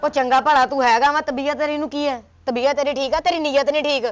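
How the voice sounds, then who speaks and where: Punjabi woman, high pitch, sharp scolding wife in a comedy skit. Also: fairly even intonation, fast talker, a little hiss or hum. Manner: scolding, sharp-tongued, nagging. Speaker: comic actor as a scolding wife. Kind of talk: Punjabi comedy sketch acting.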